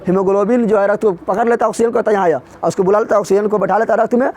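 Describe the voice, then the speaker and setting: A man teaches a class in a high, light voice. He explains in a colloquial, emphatic way and keeps firing short quiz questions back at his students. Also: steady tone, rapid-fire, a little mellow. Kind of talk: classroom lecture.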